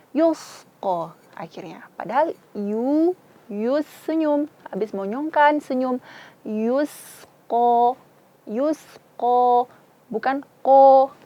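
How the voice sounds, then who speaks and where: A woman's voice: high-pitched, mellow, highs cut off. A woman from Indonesia with an Acehnese accent, teaching Quran recitation and patiently sounding out each syllable. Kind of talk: slow, careful tajwid instruction.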